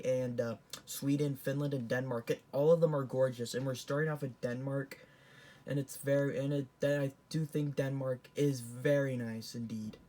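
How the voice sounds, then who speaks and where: A man's voice: medium pitch, darkish tone. A teenage boy giving casual, rambling commentary as he ranks things on a tier list, often restarting and correcting himself. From Canada. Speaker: vlogger.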